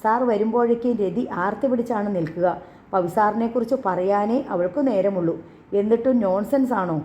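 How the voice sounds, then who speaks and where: A fiery young woman, hurt and accusing, her words sharp, as a woman reader puts her on. Her voice sounds mellow underneath. The recording sounds dull and lo-fi. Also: mid-range voice, fairly quick, a little hiss or hum, natural voice. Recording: dull lo-fi audio.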